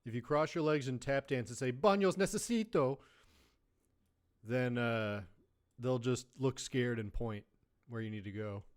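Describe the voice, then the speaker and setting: A man's voice: mid-range voice, steady tone, normal speed, clear, resonant tone. A young man live streaming, chatting casually and joking, tossing in playful Spanish phrases.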